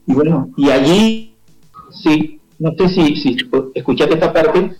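A man's voice: fairly high pitch, animated, unhurried, a little mellow, reverberant, soft background music, poor audio. A man, telling his life story as an interview guest, rambling with many fillers and restarts. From Panama.

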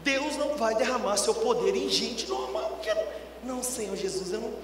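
A middle-aged man from Brazil, a pastor preaching a sermon through a long story, going from loud bursts to hushed lines. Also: very high-pitched, lively intonation, normal speed, background noise. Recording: music and long reverb in a big hall.

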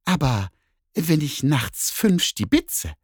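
A man putting on a high sassy cat lady. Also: sing-song, slow, husky, dry recording, studio quality, exaggerated voice. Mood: coaxing. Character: cheeky boastful female neighbor cat.

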